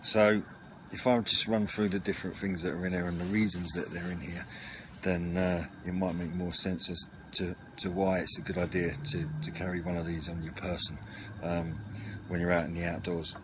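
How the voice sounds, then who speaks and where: A video channel host with a low-pitched, level voice talks at normal speed through an informal, slightly rambling and hesitant run-through to camera. He sits at a table outdoors, recorded on a camera mic, and the home recording is noisy.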